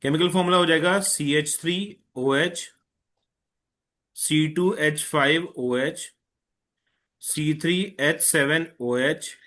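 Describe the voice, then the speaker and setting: A man's voice: fairly high pitch, fairly even intonation, pushed and bright. A man teaching a chemistry class online, mixing Hindi with English and often checking that students follow. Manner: patient, tells an eager student to slow down.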